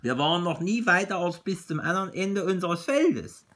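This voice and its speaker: A man's voice: high voice, expressive, moderate pace, fairly bright tone, voice pushed up. A man doing a wistful country hare. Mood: earnest. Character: modest, dreamy country hare.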